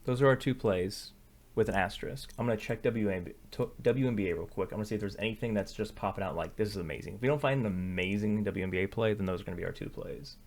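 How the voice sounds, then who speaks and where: A fast-talking young man with a lowish, slightly mellow voice runs through sports betting picks in a relaxed screen-share. His commentary is full of fillers and self-corrections as he thinks out loud.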